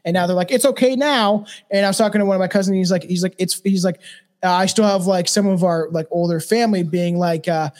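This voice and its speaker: A man's voice: sits high, fast talker, a little mellow. A man in his thirties co-hosting a podcast in casual chat, rambling and swearing with many restarts. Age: 30s. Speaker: podcast co-host.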